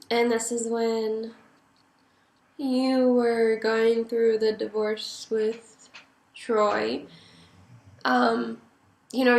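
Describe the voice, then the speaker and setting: A woman's voice: fairly high pitch, gravelly, sharp tone. A young woman telling her mother family stories in a casual, chatty, rambling way, often laughing. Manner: chatty, giggly, rambling with many fillers. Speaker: daughter speaking to her mother. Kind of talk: casual personal storytelling. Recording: roomy echo.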